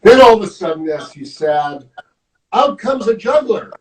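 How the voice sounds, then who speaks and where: A man's voice: high-pitched, recorded from a distance, low-quality recording. A man reading a children's picture book aloud as a volunteer storyteller, explaining the pictures as he goes. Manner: slow, animated, explaining the pictures.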